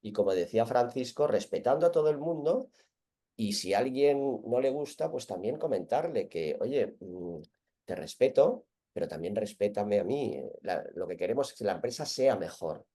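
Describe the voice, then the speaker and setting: A man with an accent from Spain hosting an online group call, chatting informally in a halting, self-correcting way. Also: medium pitch, lively intonation, mellow, breathy edge. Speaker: host of an online group meeting. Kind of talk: casual chat.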